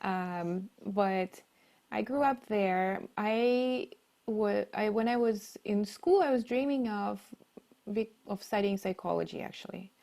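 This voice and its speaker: A woman from Siberia with a Russian accent answers conversationally as an interview guest; she's a marketing leader and coach. Her mid-range voice is slow, creaky, and mellow.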